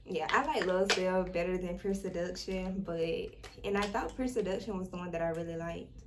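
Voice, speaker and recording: A young adult woman vlogs from a small bedroom, chatting casually and directly to viewers about her haul, recorded on a camera at desk distance. Her voice sits on the low side, with fairly even intonation and a moderate pace. Noisy background hiss runs under the recording.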